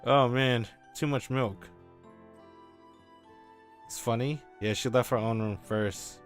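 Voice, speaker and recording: A tired male streamer chatting casually and reading game narration aloud, animated and swearing now and then. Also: mid-range voice, slow pace, soft background music.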